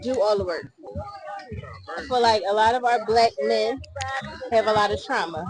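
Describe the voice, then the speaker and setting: A woman's voice: fairly high pitch, normal speed. A woman in her fifties giving earnest, reflective relationship advice in a casual chat as a podcast guest. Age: 50s. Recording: noisy crowd around.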